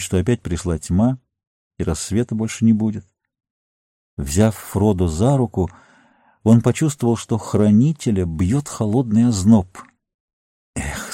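A man reading a fantasy novel aloud as an audiobook narrator, measured and slowing on grim passages. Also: medium pitch, dark tone, no room sound, clean studio sound.

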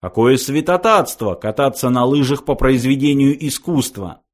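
A man's voice: mid-range voice, normal speed, pitched above the performer's own voice, natural voice. A man voicing a polite but easily offended old man in a storybook reading. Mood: indignant. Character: fussy, proud old man, a planet designer.

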